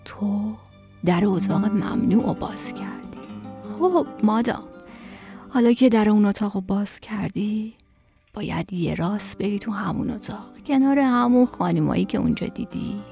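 A woman's voice: mid-range voice, gravelly, warm tone, faint music behind, lightly acted. A woman voicing a cruel, menacing husband in a storybook reading, speaking coldly and threateningly. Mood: cold menace. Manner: threatening, cold. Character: cruel menacing husband, grown man, villain.

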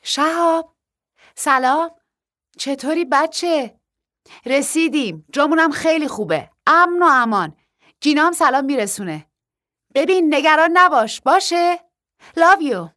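A woman voicing a breezy, carefree young woman with a high, chirpy manner. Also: sing-song, husky, no echo, studio quality. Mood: cheerful.

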